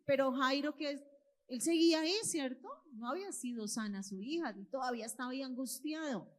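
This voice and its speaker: Brief: woman, somewhat high voice, lively storytelling preacher for kids and parents. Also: brisk. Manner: expressive, quizzes the listeners. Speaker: children's church teacher. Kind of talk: storytelling sermon to families. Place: church hall with children present.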